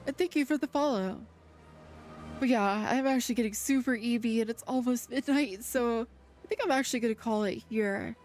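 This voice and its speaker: A woman's voice: fairly high pitch, brisk, a little mellow. A woman livestreaming a game, chatting casually in a cute, friendly anime-streamer manner. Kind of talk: casual livestream chat while playing a game. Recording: game music under the voice. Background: video game music.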